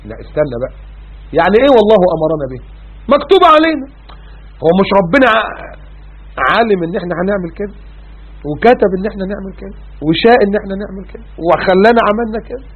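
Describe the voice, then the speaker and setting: A man with an Egyptian Arabic accent preaches at breakneck speed, his fairly high voice husky and rough. He pelts the listener with rhetorical questions and quotes scripture. The sound is thin and narrow, like a phone line. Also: expressive, rapid-fire, long pauses. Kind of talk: religious talk show sermon. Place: studio.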